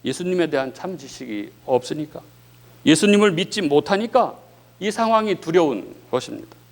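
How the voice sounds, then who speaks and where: A man preaching with a high, very animated voice that swoops between bold peaks and hushed low endings. He fills pauses with a short affirming word and acts out the feelings in the story as he speaks. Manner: dramatic preaching that acts out the disciples' cries, rising and falling sharply; frequent filler "예" between phrases. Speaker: pastor. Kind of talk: sermon.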